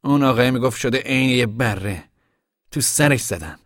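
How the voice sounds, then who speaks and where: A steady, protective young man, as a male reader voices him, in a storybook reading. He talks plainly and reassuringly, slightly above the reader's own low voice, in a dry, close sound. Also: no echo, natural voice.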